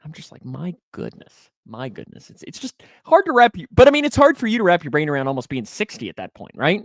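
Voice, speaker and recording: Fast-talking and on the high side, this young man's voice leaps through huge pitch swings, recorded with no room sound. He's in his twenties, hosting a casual sports talk show and emphatically repeating phrases for effect.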